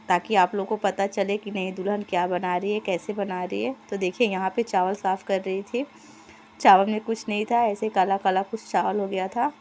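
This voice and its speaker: Woman vlogger for a casual voice-over; warm, dark timbre, level and even, talks viewers through each step. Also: medium pitch, slight background noise. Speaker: lifestyle vlogger. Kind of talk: casual voice-over narration of cooking footage.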